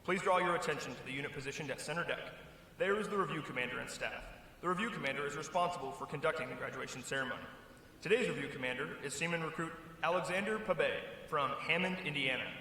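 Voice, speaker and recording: Brisk, bright-voiced man in echoing hall. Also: fairly high pitch. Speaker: military officer, ceremony host. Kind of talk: formal welcome speech over public address. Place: large indoor drill hall. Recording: echoey hall, distant, faint noise.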